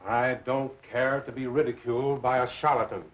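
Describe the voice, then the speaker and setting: A man's voice: mid-range voice, flat delivery, lightly acted. Man as a stern professor on muffled film audio. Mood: stern, indignant. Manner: formal, measured, indignant. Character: stern, skeptical male professor, dignified and disapproving. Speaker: film actor. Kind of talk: old horror film acting. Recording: muffled old film soundtrack.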